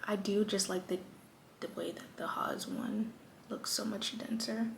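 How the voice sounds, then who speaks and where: Whispering in a gravelly, mid-range voice, a young female lifestyle vlogger keeps a steady tone and measured pace. At her vanity she playfully walks through her daily makeup routine with joking asides, in a casual, chatty tutorial.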